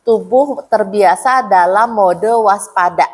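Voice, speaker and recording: A woman's voice: mid-range voice, slow pace, darkish tone. A woman giving a casual teaching talk to a women's study group in a prayer room, chatty and addressing her listeners directly. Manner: chatty, addresses listeners as "Bu", acts out quoted mothers.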